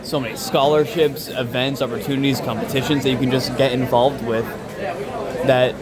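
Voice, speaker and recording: A young man from Lexington, chatting earnestly and haltingly in a casual interview. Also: mid-range voice, level tone. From Lexington, Kentucky. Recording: loud crowd chatter in busy venue. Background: loud crowd in a public space.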